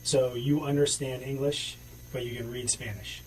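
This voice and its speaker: A male police detective with a mid-range, darkish voice asks procedural interview questions in a steady tone at a moderate pace, methodical but hesitant. He is in an indoor police interview room, and the recording sounds noisy and distant.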